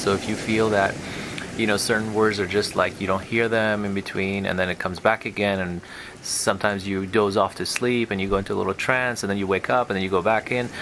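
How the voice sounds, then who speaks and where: A man's voice: low voice, a bit bright, a little hiss or hum, rough recording. A man speaking as a hypnotherapist on a guided relaxation recording, with a soothing, hypnotic delivery. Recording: music and rain sounds behind the voice. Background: relaxation music with rain.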